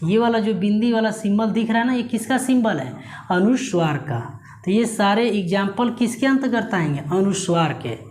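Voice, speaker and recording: A man's voice: sits high, a little mellow. Echoey male teacher explaining step by step. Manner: asks questions and answers them himself; repeats key words slowly for emphasis. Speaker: Hindi grammar teacher. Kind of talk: classroom lesson for students. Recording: echoey room with faint noise.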